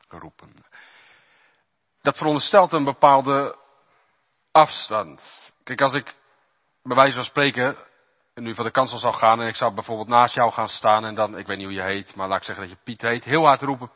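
A male pastor preaching a sermon in a church, swinging from loud cries down to hushed, intense murmurs. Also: mid-range voice, normal speed. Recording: dull sound with long church reverb.

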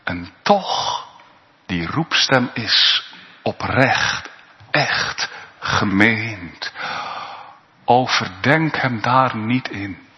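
A male pastor preaching a sermon in a church, slow and earnest, swelling into pleading appeals. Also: lowish voice, animated. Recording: long reverb, dull sound in a church.

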